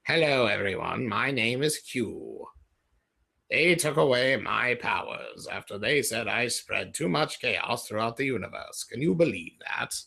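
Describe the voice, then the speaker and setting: A man voicing Q, a smug, all-powerful male alien trickster, in a put-on British-sounding accent with a husky voice. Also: medium pitch, lively intonation, a little slow, bright, forceful tone, heavily acted. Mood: mock-indignant.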